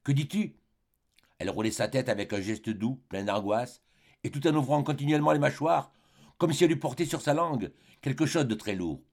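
A man giving a measured, expressive reading of a classic novel as an audiobook narrator. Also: mid-range voice. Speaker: audiobook reader.

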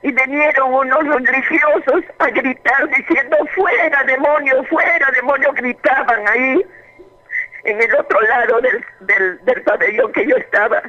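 A woman calling in to a radio show, telling her story in a fervent, halting, repetitive way. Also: high voice. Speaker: radio call-in caller. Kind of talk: emotional personal testimony. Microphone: telephone. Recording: muffled phone line on AM radio.

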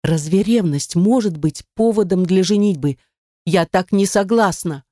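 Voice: mid-range voice, unhurried, dark tone, no room sound, studio quality, lightly acted. An audiobook narrator voicing a defiant, indignant young woman in dialogue, with protesting exclamations.

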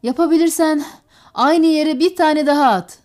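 A woman's voice: high voice, moderate pace, darkish tone, pitched above the performer's own voice, natural voice. A woman voicing a wounded, exhausted male boat captain who gives terse orders. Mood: urgent.

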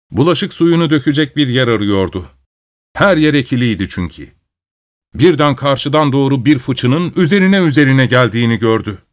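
A man reading a folk tale aloud as a storyteller, lively and expressive, with acted-out exclamations. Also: mid-range voice. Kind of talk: scripted narration.

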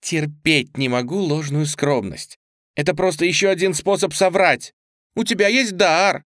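A man's voice: fairly high pitch, measured pace, a bit bright, dry recording, pitched above the performer's own voice. A man voicing a proud, hot-tempered young woman cook who speaks sharply and indignantly, close to tears. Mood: impatient.

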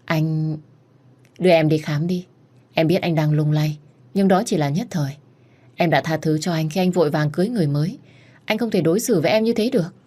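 A woman's voice: sits low, brisk, warm tone. A woman voicing a scheming young woman who pleads and manipulates, read as an audiobook romance. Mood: pleading.

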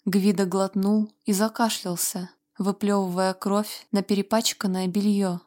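A woman narrating an audiobook in a measured, steady storytelling manner. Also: medium pitch. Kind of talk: scripted narration.

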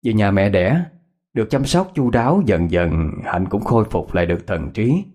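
A man's voice: lowish voice, normal speed. A man narrating a ghost story dramatically. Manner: lively, dramatic.

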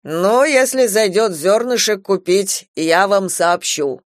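A man's voice: high-pitched, takes it slowly, no room sound, studio quality. A man voicing a jovial, affectionate male shopkeeper in an audiobook, with a chummy manner. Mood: friendly. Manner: chummy, calls her dear.

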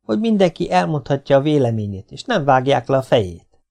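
A man doing a hushed, eager schoolboy. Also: medium pitch, very animated, gravelly, pitched above the performer's own voice. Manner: quick, hushed, explaining.

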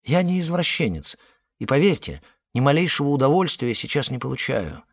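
A man's voice: big pitch swings, brisk, breathy edge. A man voicing a stern, businesslike male monster collector who speaks curtly and firmly. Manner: curt, firm, low-key.

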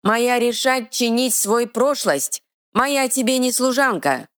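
Woman voicing a gruff male troll in broken speech. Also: fairly high pitch, expressive, slow, fairly bright tone, voice pushed up. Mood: defiant growl. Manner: ungrammatical broken phrasing.

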